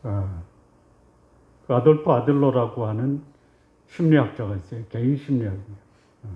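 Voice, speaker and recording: A male pastor preaching a Sunday sermon in a reverberant sanctuary, on a slightly dull, muffled recording. His voice sits at an ordinary middle pitch. He keeps asking the congregation questions and answering them himself, sometimes acting out short back-and-forths between God and a believer. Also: normal speed. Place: church sanctuary.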